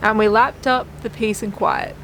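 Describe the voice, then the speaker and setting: A woman's voice: medium pitch, fairly even intonation, normal speed, a bit bright, slight background noise. A woman co-hosting and narrating a sailing vlog in a plain, upbeat, matter-of-fact way.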